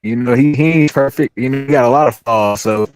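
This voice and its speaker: A man on a call-in livestream, relaxed and slangy, laughing along as he talks. His voice is average in pitch and sounds dry and close. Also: fast talker, dry recording, soft background music. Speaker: panel caller. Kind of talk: casual chat.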